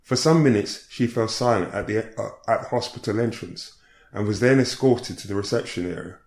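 A man hosting a podcast, reading a reflective personal story in a measured way. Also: fairly low pitch, darkish tone. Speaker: podcast host. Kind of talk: scripted personal narration. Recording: echoey room.

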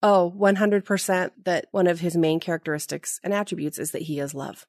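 Lively self-mocking woman, dry sound. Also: lowish voice, fairly quick, dry recording. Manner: animated, self-mocking storyteller who laughs at herself. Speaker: guest. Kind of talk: casual faith podcast chat.

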